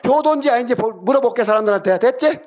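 A man's voice: very high voice, expressive, fast, darkish tone. A man arguing on a call, aggressive, swearing and hectoring the other person. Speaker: caller in a heated argument. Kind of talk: angry phone argument.

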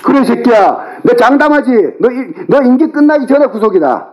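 A man in a heated phone argument, shouting and hurling insults at the other party. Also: extremely high pitch, animated, brisk, low-quality recording.

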